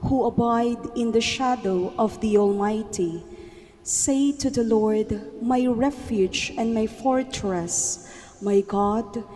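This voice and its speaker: A woman reading scripture and psalm verses slowly and carefully at Mass, heard with a long cathedral echo. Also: a little high, mellow, a little hiss or hum. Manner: slow, careful reading pace. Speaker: lector. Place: large church. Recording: long church reverb with faint music.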